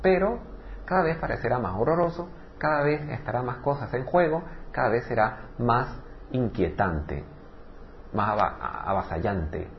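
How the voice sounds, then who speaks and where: A man giving a spiritual lecture as a teacher, animated and full of rhetorical questions, sometimes acting out other voices. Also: medium pitch, moderate pace, vocal fry, muffled recording, a little hiss or hum.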